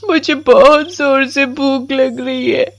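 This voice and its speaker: A woman voicing a sad, tearful young girl in an animated story, pleading through her crying. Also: high voice, slow, voice pushed up.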